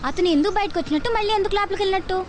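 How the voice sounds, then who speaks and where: Nosy kid sister. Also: female voice, very high-pitched, racing. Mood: curious. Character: curious mischievous younger sister.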